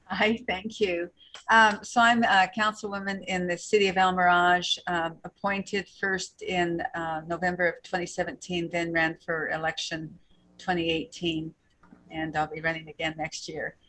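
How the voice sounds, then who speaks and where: Flat-voiced matter-of-fact woman. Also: on the low side, normal speed. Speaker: council chair. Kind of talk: self-introduction at a virtual meeting.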